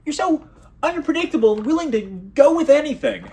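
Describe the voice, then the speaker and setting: A man's voice: very high-pitched, animated, a little fast, a little mellow, pitched above the performer's own voice. A man voicing a condescending, overly polite male AI chatbot in a mocking, sugary tone. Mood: mocking, syrupy.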